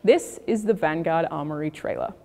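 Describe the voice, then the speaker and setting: A woman's voice: deep voice, normal speed, gravelly, darkish tone, slight background noise. A woman reading scripted video game reviews and news as a presenter. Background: music.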